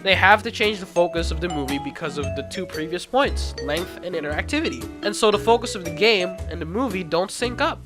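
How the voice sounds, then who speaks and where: With background music behind them, a video essayist narrates in a mid-range voice with lively intonation, moving fairly quickly with few pauses. The style is informal and self-deprecating, as though reading from a loose script.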